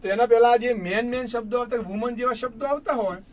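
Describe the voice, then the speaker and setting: A man's voice: extremely high pitch, fairly even intonation, fast talker. A man teaching a grammar lesson, patiently repeating each word for his students and calling them friends. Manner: addresses listeners as friends. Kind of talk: classroom lesson explaining English grammar.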